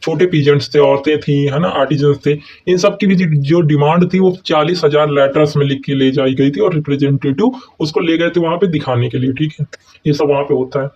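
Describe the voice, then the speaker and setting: Man, history teacher, asks and answers his own questions, fairly high voice, dull lo-fi sound. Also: fairly quick, a little mellow. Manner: keeps asking and answering his own questions, with many "thik hai" and "hai na" check-ins. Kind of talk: explaining exam notes in a mix of Hindi and English. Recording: dull, lo-fi recording.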